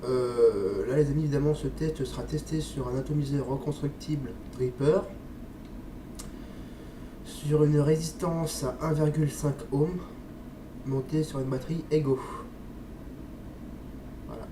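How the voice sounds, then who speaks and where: Stuffy and coughing from a cold, a man reviews vape liquids on his vlog, his voice fairly high with fairly even intonation, unhurried, with long pauses. He's chatty but hesitant and friendly, repeatedly saying "les amis" and "hop" as he turns to his viewers. The audio is noisy, echoey, and recorded from a distant mic.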